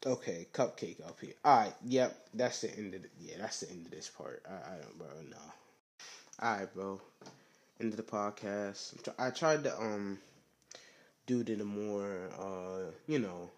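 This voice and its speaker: A young man hosting a casual solo podcast, talking low in a rambling, slangy way with lots of "you know what I'm saying.". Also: animated, moderate pace. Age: young adult. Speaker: podcast host.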